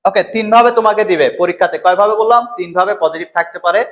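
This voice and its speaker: High-voiced patient grammar teacher. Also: male voice, quick pace, a bit bright. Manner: patient, explains step by step, asks and answers his own questions. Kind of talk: classroom lesson in Bengali.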